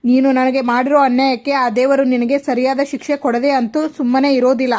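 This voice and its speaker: A woman's voice: high voice, little pitch movement, brisk, a little mellow, close to an everyday voice. A woman voicing a stern, commanding older man who heads a family, speaking firmly.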